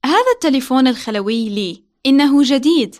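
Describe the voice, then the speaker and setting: High-voiced lady, native arabic speaker, doing a language lesson as co-host. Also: animated, very fast, a little mellow. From Syria. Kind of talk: scripted language lesson dialogue and chat.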